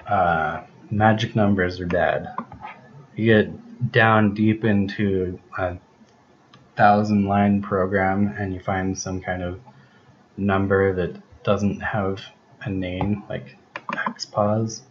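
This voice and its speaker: Low, slow-talking man explaining code. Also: level tone. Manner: thinks aloud, unhurried, explains step by step. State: losing his voice. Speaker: programming tutor. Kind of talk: casual screencast explanation. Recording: dull lo-fi recording with background hiss.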